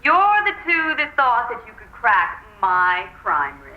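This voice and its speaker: A woman's voice: fairly high pitch, wildly swooping pitch, dull audio, heavily acted. An actress playing a flamboyant female crime boss, theatrical and taunting, in a campy comedy film. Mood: gloating. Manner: theatrical, taunting, drawn-out delivery. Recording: roomy film soundtrack, music behind.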